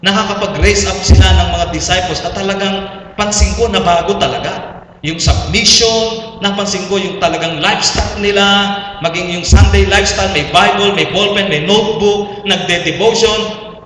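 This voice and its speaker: A middle-aged man with a Filipino accent preaches in a high voice, talking the congregation through a personal testimony. His voice rings through a big echoing hall and is picked up from well away from the mic, with a faint room hum underneath. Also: moderate pace, a bit bright. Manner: storytelling testimony, addresses listeners as brothers and sisters. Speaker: pastor. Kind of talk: sermon. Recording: echoey hall, voice from far off, faint room noise.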